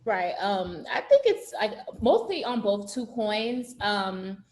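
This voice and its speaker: This Haitian Creole–speaking panelist, a woman in her 20s from the southern United States, rushes through earnest remarks with many restarts via a video call. Her medium-pitched voice is very animated and a little mellow, and the audio is reverberant.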